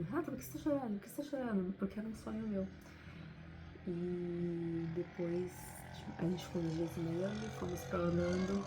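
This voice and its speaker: A woman's voice: on the low side, background noise. A woman with a Brazilian Portuguese accent, talking to camera in an unscripted, heartfelt motivational vlog, often adding little tag questions. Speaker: vlogger.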